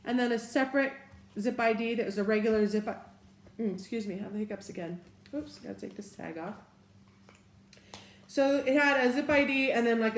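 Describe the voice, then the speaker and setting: A woman's voice: medium pitch, echoey room. A woman chatting casually as she shows items one by one and describes them step by step. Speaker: vlogger. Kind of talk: casual bag show-and-tell.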